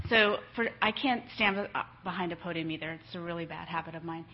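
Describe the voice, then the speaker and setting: On a dull, lo-fi lecture recording with a little hiss or hum, a middle-aged woman who works as a nurse addresses families at a conference. Her voice sits on the low side, and her casual delivery is full of filler ums.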